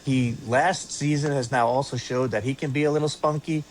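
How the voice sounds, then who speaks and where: A man co-hosting a casual sports fan podcast, speaking haltingly with many fillers and repeated words. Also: mid-range voice, fairly even intonation, slight background noise. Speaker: podcast co-host.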